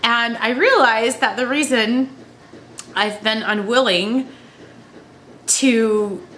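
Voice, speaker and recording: A woman crying as she talks in a personal confessional vlog, halting and emotional as she searches for words. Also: mid-range voice, a bit bright, slight background noise. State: crying, tearful. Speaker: vlogger.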